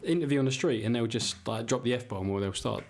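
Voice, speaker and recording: A man in casual podcast chat with a middle-pitched voice. He tells anecdotes in a joking, hesitant way, full of fillers. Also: animated, fairly quick, creaky, a loud crowd. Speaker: podcast co-host.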